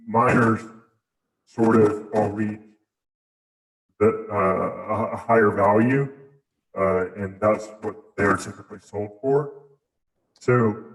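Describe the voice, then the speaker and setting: A man being interviewed as a mining operator, speaking through a voice scrambler in a hesitant, halting way with many restarts. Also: fairly low pitch, echoey room, low-quality recording. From Southeast United States. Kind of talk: casual interview.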